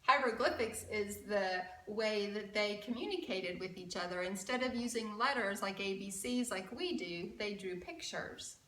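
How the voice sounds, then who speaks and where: At a church story time, a woman reads a picture book aloud to children with animated, engaging expression, asking the young viewers questions along the way. Her voice is medium in pitch, her pace moderate with few pauses, and the sound is roomy, picked up by a distant mic.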